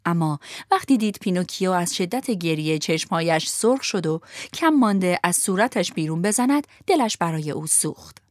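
A woman narrating a children's storybook in a gentle, expressive reading voice. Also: fairly low pitch, few pauses, no room sound, studio quality.

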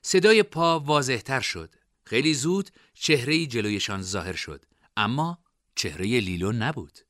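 A man narrating a scripted storybook in an expressive reading style. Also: medium pitch, no room sound, clean studio sound.

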